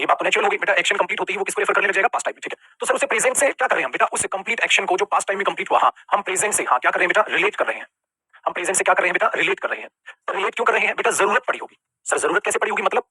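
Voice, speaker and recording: A man's voice: sits high, bright, forceful tone, slightly rough, dry recording. A man with an Indian accent teaching an English grammar lesson, mixing Hindi with English terms, calling his students "beta" and answering his own questions. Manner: calls students "beta" and asks them questions he answers himself.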